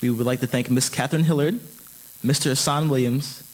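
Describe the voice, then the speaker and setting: A man's voice: medium pitch, steady tone, fairly quick, poor audio. A man reading out a formal list of thanks and acknowledgments as a student presenter.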